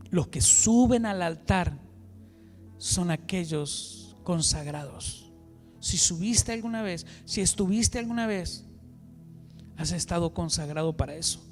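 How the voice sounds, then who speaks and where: A man preaching a sermon as an apostle, swinging between loud exhortation and hushed asides. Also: fairly high pitch. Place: church hall. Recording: music and long reverb of a hall.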